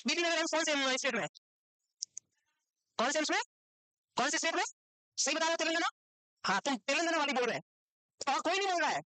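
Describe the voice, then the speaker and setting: A woman's voice: high-pitched, expressive, fairly quick, pauses often, sharp tone, dry recording. A woman teaching a nursing exam class in a classroom, quizzing her students and scolding them for not knowing the answers. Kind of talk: classroom lecture.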